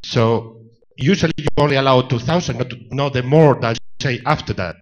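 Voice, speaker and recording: A man's voice: medium pitch, brisk. A man from Spain asking a polite question from a conference floor, in careful English. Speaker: audience member asking a question. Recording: dull lo-fi conference audio.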